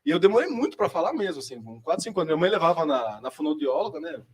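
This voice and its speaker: Young Brazilian guy, high and fast, relaxed slangy storyteller. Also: a loud crowd. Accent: Brazilian Portuguese. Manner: chatty and slangy, lots of fillers. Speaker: seminarian giving a vocation testimony. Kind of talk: casual personal storytelling.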